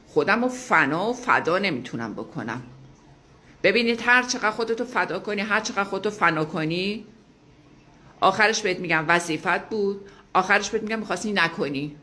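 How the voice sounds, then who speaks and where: A woman's voice: lowish voice, bright, forceful tone. A woman giving a motivational talk, speaking emphatically and asking her listeners rhetorical questions.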